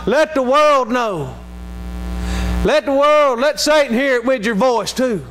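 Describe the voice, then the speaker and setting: Brief: high-pitched male preacher, fervent and repetitive, with a noisy humming recording. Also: lively intonation, moderate pace. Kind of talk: sermon. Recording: noisy recording with electrical hum.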